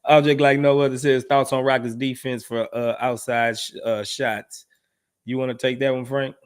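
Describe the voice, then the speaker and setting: A man hosting a casual post-game basketball chat, animated and slangy, reading out viewer comments and often asking "you know what I'm saying". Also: medium pitch, normal speed, smooth.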